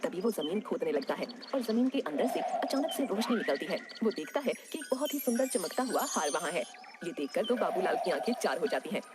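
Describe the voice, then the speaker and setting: A woman's voice: fairly low pitch, big pitch swings, fairly quick, heavy background noise. A woman narrating a cartoon story in plain, scripted storytelling.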